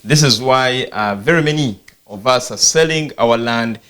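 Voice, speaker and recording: A man, hosting a studio discussion and speaking in a measured, reflective way with many fillers. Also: medium pitch, a bit bright, clear, resonant tone. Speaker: host.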